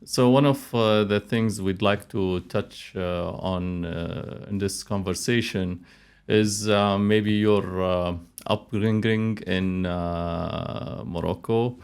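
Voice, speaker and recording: A man with a fairly low, gravelly voice hosts a conversational interview podcast. His delivery is halting and hesitant, yet the tone stays smooth and resonant. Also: fairly even intonation, darkish tone. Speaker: podcast host interviewing a guest.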